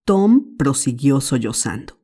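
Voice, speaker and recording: Woman with a mexican accent reading a storybook, soft mellow voice, calm and measured. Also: extremely low pitch, husky. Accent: Mexican Spanish. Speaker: audiobook narrator. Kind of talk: scripted narration.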